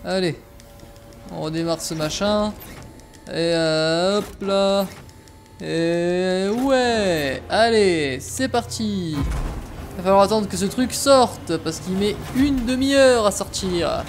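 A man's voice: high voice, takes it slowly, soft background music. A man giving casual, sweary, exasperated commentary as he plays a video game. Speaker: let's player. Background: game ambience.

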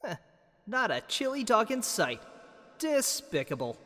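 A man playing a cocky young hedgehog, bright and bouncy. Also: sits high, big pitch swings, a little slow, in a large hall, heavily acted. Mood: wry. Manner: wry, restless quips that flare into exasperated outbursts. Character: cocky young male hedgehog, restless and wisecracking. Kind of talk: fan audio drama acting.

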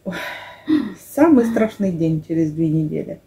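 A woman's voice: sits low, expressive, moderate pace, warm tone, rough recording. A middle-aged woman chatting casually with a friend, telling things playfully with little sound effects and made-up words. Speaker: vlog co-host, works as a house cleaner. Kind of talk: casual chat with a close friend. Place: small wood-panelled living room, indoors. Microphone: camera across the table.

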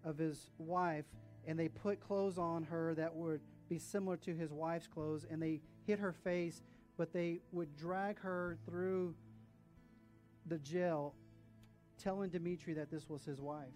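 A male pastor preaching and telling a story, animated, with hushed drops at solemn moments. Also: fairly high pitch, measured pace, faint music behind. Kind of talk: sermon storytelling.

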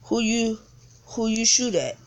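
A woman's voice: fairly high pitch, animated, measured pace. A woman streaming a shooting game, giving slangy casual commentary broken up by gasps and squeals.

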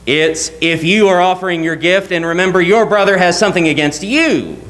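A young man with a high, slightly bright voice preaches a little fast from the pulpit, picked up by a lectern mic on a wide camera shot. He is earnest and emphatic, posing rhetorical questions again and again.

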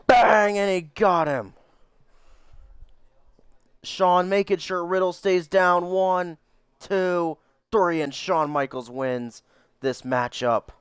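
High-voiced man doing excitable wrestling commentary. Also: slow pace, pauses often, clean tone, dry recording, clean studio sound. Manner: excitable, dramatic calls mixed with casual asides. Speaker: video game player commentating on a wrestling match.

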